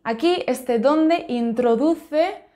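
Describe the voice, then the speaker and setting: Slow, careful Spanish-accented woman teacher. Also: high-pitched, dark tone. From Spain. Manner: slow, careful explanation switching between two languages. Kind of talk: bilingual language lesson.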